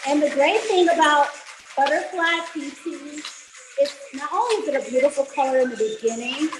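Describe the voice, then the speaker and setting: A woman's voice: high voice, normal speed. A woman hosting a casual online cocktail class, chatty and upbeat, explaining each step as she mixes. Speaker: mixology instructor. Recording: echoey room with faint noise.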